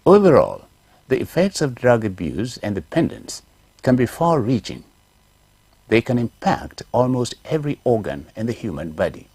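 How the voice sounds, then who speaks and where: A man narrating a scripted documentary report in a lively, emphatic reading style. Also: medium pitch, husky, dry recording.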